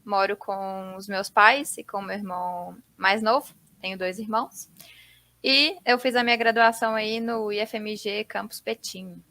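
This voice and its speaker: A woman's voice: medium pitch, steady tone, normal speed, sharp tone, no echo. A young woman from Contagem, Minas Gerais, introducing herself politely as an interview guest. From Contagem, Minas Gerais, Brazil. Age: young adult. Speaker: guest engineer. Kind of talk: casual interview talk.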